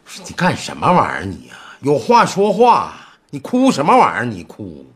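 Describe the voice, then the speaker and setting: 一名男演员饰演一位急躁的中年老板，操东北口音，说话直来直去，带着不耐烦的责备。. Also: male voice, medium pitch, wildly swooping pitch, brisk. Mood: exasperated. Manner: blunt, exasperated scolding. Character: impatient middle-aged male boss, brusque but worried. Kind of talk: TV series acting.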